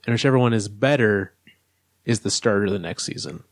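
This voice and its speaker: A man's voice: fairly low pitch, a little fast, no echo, studio quality. A man co-hosting a casual sports podcast, laying out his arguments step by step. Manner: analytical, lays out arguments step by step. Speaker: podcast co-host.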